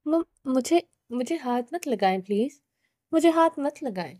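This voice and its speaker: Lady doing a young woman crying and begging, high mellow voice, dry audiobook read. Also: no room sound, natural voice. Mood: tearful. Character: young woman, heartbroken and pleading.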